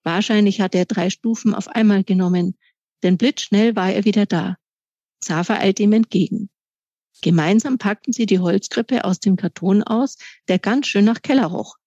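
A woman author reading aloud from her children's book in calm, measured storytelling. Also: medium pitch, husky, no echo. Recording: dry, slightly dull recording.

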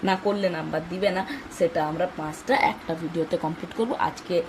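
A woman's voice: on the low side, steady tone, fast talker, noisy background. A woman teaching a math lesson for exams, explaining step by step and answering her own questions. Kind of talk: exam-focused math lesson.

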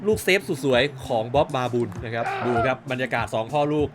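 A man giving casual, excitable commentary over his own football video game match. He swears freely, laughs a lot, and shouts at big moments. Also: medium pitch, fast, background noise. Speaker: gaming YouTuber. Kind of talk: live gameplay commentary.

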